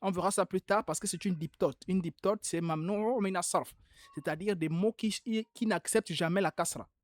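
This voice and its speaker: A man's voice: sits high, normal speed, dry recording, studio quality. Patient man correcting homework aloud. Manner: patient, repeats key points emphatically. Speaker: Arabic teacher. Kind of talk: online class, correcting homework.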